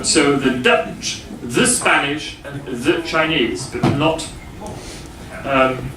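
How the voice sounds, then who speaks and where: A man teaching English grammar to a class, explaining slowly with many pauses and fillers. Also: on the high side, sharp tone, slight background noise. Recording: echoey classroom from far off.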